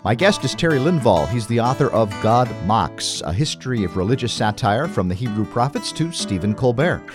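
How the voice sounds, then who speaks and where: A man hosting a radio interview, asking measured, thoughtful questions. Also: mid-range voice, sing-song, over music. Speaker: radio host.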